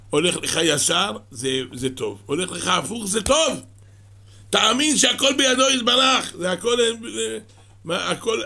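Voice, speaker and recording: A man telling a moral parable to a listener in lively storytelling, with sighs and asides. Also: on the high side, vocal fry, breathy edge.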